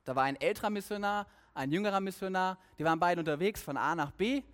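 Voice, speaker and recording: A man's voice: high-pitched, fast, a bit bright. A man preaching a sermon, earnest, with questions aimed at the listeners.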